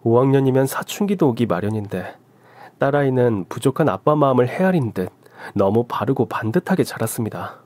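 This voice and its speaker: A man's voice: medium pitch, lively intonation, a little fast, darkish tone, no echo. A man in his forties narrating his own story in the first person, earnest and emotional.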